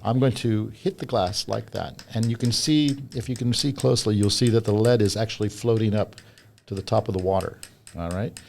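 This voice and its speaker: A man's voice: fairly low pitch, a little fast, gravelly, darkish tone, a little hiss or hum. A man talking like a kids party magician, giving step-by-step hands-on instructions as he demonstrates a trick. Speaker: children's magician and magic teacher, interview guest.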